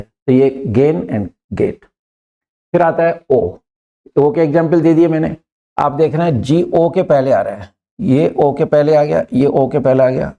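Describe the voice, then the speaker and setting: A man teaching English pronunciation in a patient lesson, repeating key points and checking in with "clear?" and "right?". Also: mid-range voice, dark tone. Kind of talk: explanatory lesson mixing Hindi and English.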